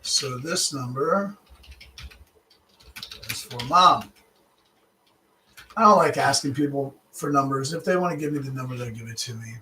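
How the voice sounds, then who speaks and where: A man's voice: medium pitch, measured pace, pauses often, bright, forceful tone, far from the mic, slight background noise. A man, a real estate agent chatting casually and making live calls, restarting his phrases and laughing easily. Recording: echoey room, voice off-mic.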